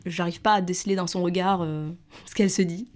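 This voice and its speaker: A young adult woman tells a personal anecdote in a casual, chatty way. She acts out the lines of the people in her story. Her voice sits slightly low for a woman. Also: a little fast. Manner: animated, acts out dialogue, chatty fillers.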